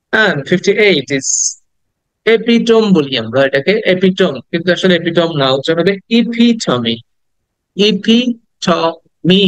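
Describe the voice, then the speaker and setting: A man with a Bengali accent teaching English pronunciation, repeating each word slowly again and again as he explains it. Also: a little high, fairly bright tone, dry recording, low-quality recording. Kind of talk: classroom-style pronunciation lesson.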